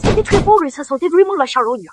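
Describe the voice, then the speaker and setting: Woman doing excitable little kid in a cartoon, super high, bouncy pitch, noisy background. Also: fast. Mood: earnest. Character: excitable, trusting small child, sibling in village. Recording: clear background noise.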